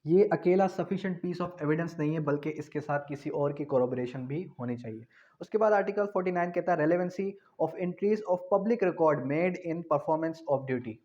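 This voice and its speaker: An unhurried man with a fairly high, slightly mellow voice and a Pakistani accent explains law in lecture form. He reads out articles, clarifies them, and repeats central phrases for emphasis; the sound quality is dull and lo-fi.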